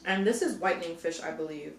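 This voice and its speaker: A woman's voice: on the low side, fast talker, vocal fry, roomy sound, recorded from a distance, slight background noise. A young woman talking casually to her viewers as she eats through a meal, chatting between bites. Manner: chatty, eating while talking, addresses viewers as y'all. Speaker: food vlogger. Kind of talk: casual mukbang chat to camera.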